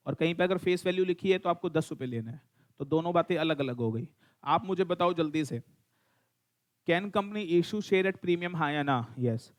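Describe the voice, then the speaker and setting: A middle-aged Indian-accented man lecturing a classroom on law. His voice sits fairly high for a man. He mixes in English, fires questions at students and teases them. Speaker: law teacher.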